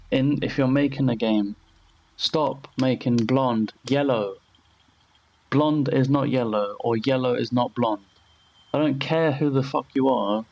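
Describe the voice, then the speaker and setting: A man's voice: mid-range voice, a little mellow. A young man casually commenting over his gameplay as a channel host, rambling and blunt with frequent swearing. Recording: slightly dull lo-fi voice-over.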